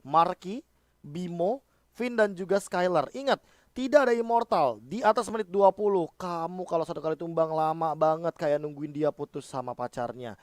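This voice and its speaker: A man with an Indonesian accent giving excited esports match commentary. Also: on the high side, moderate pace, no room sound, studio quality.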